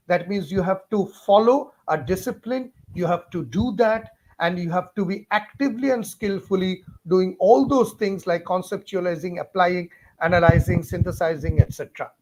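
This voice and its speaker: In a rough recording, a man with a high-pitched, darkish voice and an Indian English accent teaches a live-streamed online class. He is emphatic, stresses points over and over, and addresses viewers by name.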